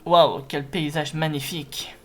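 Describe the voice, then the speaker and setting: A man's voice: a little high, little pitch movement, unhurried, a bit bright. Earnest, wide-eyed little creature for a game, performed by a man; friendly and caring. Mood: wonder. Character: friendly, concerned young Pokémon who loves the beach.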